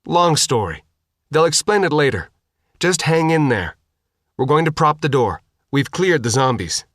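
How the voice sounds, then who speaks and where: A man voicing a steady male soldier who talks in a calm, reassuring, quick way to a survivor. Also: a little high, no echo, clean studio sound, voice pushed up, exaggerated voice. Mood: encouraging.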